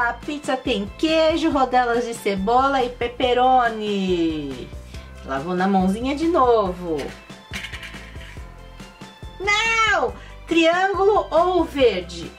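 A woman hosting a children's channel, playing a board game in an excitable, sing-song presenter way with lots of exclaiming. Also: high-pitched. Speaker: kids' channel host. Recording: voice a bit far from the mic, faint music.

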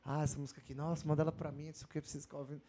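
A man's voice: on the high side, flat delivery, racing, warm tone, slightly rough. A man, a singer, chatting casually as a guest and telling anecdotes. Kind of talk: casual chat.

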